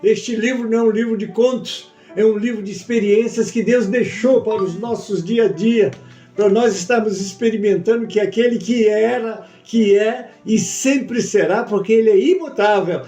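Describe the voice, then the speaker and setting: A man preaching as a pastor, telling a testimony and acting out the dialogue in a lively storytelling manner. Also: sits high, normal speed, soft background music. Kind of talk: sermon testimony. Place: church.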